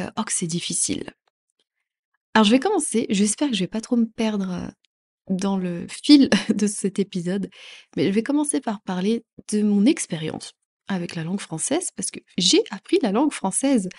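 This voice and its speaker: With a darkish, mid-range voice, a woman from France runs a laid-back podcast as a French teacher. She chats informally, laughs a lot, and leans heavily on filler words.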